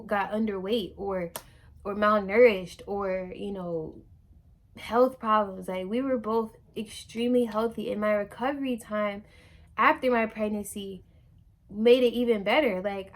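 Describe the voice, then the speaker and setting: A young woman and new mother chatting to camera in a loose, rambling way, full of fillers and restarts. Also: mid-range voice. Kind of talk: casual chat to camera.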